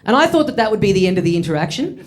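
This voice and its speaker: A man's voice: high voice, big pitch swings, rapid-fire. A young Australian man telling a story in stand-up, wry and self-deprecating, laughing through his lines before a live audience. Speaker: stand-up comedian.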